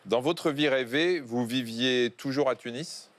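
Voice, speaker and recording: A man hosting an interview, asking set questions in a measured, polite way. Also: medium pitch, slight background noise. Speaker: interviewer host.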